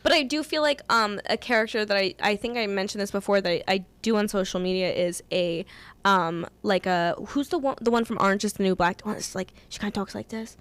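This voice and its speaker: A woman's voice: mid-range voice, fairly quick, a bit bright, clean tone, dry recording. A tipsy woman co-hosting a podcast, telling rambling stories between giggles. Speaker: podcast co-host. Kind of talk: casual chat.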